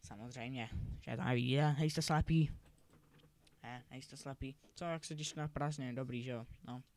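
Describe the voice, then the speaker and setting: A man's voice: mid-range voice, steady tone, a little mellow, slight background noise. A teenage boy rambling casually while commenting on his own gameplay, often correcting himself. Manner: rambling, self-correcting, chatty. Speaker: gaming YouTuber.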